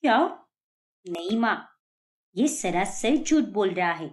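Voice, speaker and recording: A woman's voice: medium pitch, expressive, takes it slowly. A woman voicing an indignant young daughter in a cartoon, pleading and accusing. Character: young daughter, upset, accuses her brother. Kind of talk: cartoon voice acting.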